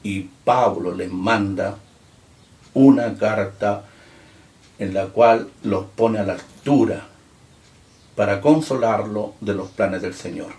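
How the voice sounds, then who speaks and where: A man preaching a sermon as pastor. He reads scripture aloud with emphasis, slowing down and lifting his voice on key words. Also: fairly low pitch, darkish tone. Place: church. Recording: echoey room.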